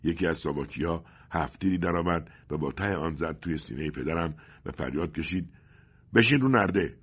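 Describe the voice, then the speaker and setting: A man narrating a story in a steady, grave storytelling manner, with a muffled recording. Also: extremely low pitch, slightly rough. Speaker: audiobook narrator.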